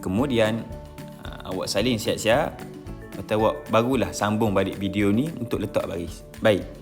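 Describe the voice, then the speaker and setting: A Malaysian man speaks as a religious teacher, in a somewhat low voice. He says each term slowly, repeats it, and keeps checking that his listeners follow. Faint music plays under the recorded lesson. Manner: slow drilled repetition of terms.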